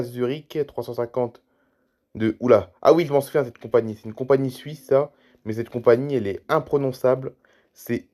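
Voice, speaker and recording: A man's voice: medium pitch, a little mellow. A tired man YouTuber giving rambling, chatty commentary over a screen recording, reading out flight routes one after another.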